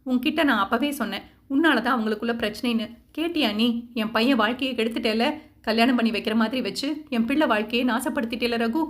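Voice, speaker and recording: A woman voicing a furious, grieving middle-aged mother who scolds loudly. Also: fairly high pitch, fast talker, natural voice. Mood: bitter. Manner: scolding, shouting.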